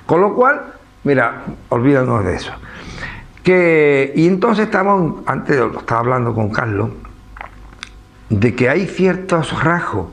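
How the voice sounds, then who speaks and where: A man's voice: medium pitch, a little hiss or hum. Andalusian man giving a chatty lecture. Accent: Andalusian Spanish. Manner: conversational, full of rhetorical questions and tag "¿no?". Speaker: speaker at a book presentation. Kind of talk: informal public lecture.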